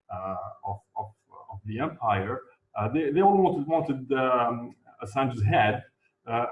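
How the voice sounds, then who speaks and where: A man from Algeria, an activist guest speaking in a live online interview, halting with many fillers and repeated words. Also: mid-range voice. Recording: echoey, dull lo-fi remote audio.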